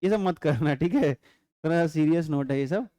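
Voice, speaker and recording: A man teaching physics in a calm, unhurried way, chatting and joking with students and often checking whether they follow. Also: a little high, no room sound. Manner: chatty, joking asides, constant rhetorical check-ins. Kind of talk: classroom lecture.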